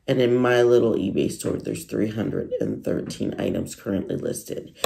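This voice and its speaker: Speaking in a dark-toned bass voice with vocal fry, a worn-out woman vlogger whose voice is going rambles on casually to viewers. Her topic is the resale business she runs.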